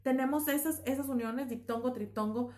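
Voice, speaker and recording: A woman's voice: high-pitched, moderate pace, darkish tone. A woman teaching a recorded lesson, explaining patiently with fillers and self-corrections. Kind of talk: recorded class lecture.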